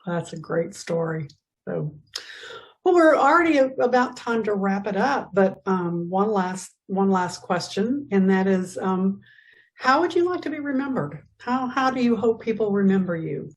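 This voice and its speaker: A woman's voice: mid-range voice, lively intonation, moderate pace, low-quality recording. A woman interviewing a fellow church member, asking friendly, encouraging questions. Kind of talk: casual interview.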